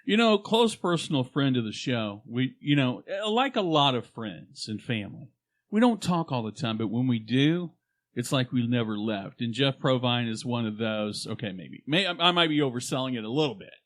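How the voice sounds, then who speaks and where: Male podcast co-host, jokey and loose, animated delivery. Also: mid-range voice, normal speed, no room sound. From Oklahoma. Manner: playful, jokey, rambling. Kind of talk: casual chat.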